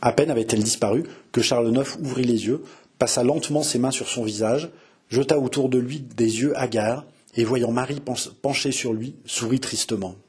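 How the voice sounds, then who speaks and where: Husky man narrating a novel. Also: mid-range voice, normal speed. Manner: dramatic, expressive narration. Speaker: audiobook reader. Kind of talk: reading a historical novel aloud.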